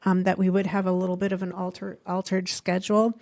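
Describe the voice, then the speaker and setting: Flat, gravelly-voiced woman consultant. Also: on the low side. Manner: measured, filler uhs between phrases. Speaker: consultant addressing the council. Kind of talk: formal presentation at a city council meeting.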